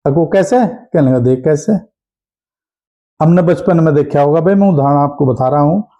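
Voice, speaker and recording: A man teaching an exam-prep lesson, animated, posing questions and answering them himself. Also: on the high side, a little fast. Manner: animated, asks and answers his own questions. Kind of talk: lecture. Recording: dull lo-fi audio.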